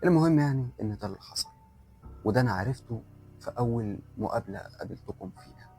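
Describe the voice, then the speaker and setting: A man's voice: mid-range voice, expressive, quick pace, darkish tone, husky, soft background music. A man voicing a grave old sheikh, Egyptian accent. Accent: Egyptian Arabic. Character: elderly male sheikh, calm and grave.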